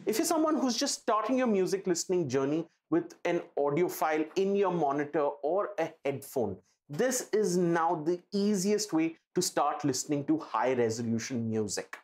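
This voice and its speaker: Over background music, an Indian-accented man pitches a product to camera for an audio retailer, sounding enthusiastic and emphatic. He has a slightly high, slightly mellow voice that is expressive and moderately paced.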